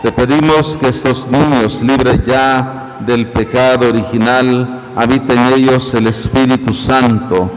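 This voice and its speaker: A man serving as priest, intoning baptism prayers in a solemn, measured way, his voice ringing with long cathedral-style church echo. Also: mid-range voice, fairly even intonation. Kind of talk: slow liturgical prayer at a baptism. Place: large church. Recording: echoey church, loud background hiss.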